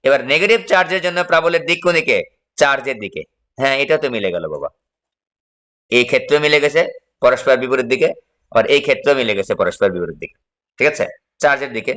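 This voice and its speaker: A man's voice: mid-range voice, very animated, quick pace, long pauses, fairly bright tone. Man teaching physics step by step. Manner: explains step by step, asks the students questions, repeats key phrases. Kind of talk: classroom lecture.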